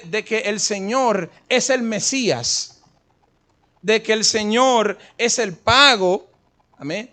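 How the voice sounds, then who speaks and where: Male preacher, fairly high voice, emphatic Bible study delivery that retells scripture dramatically. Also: fairly bright tone.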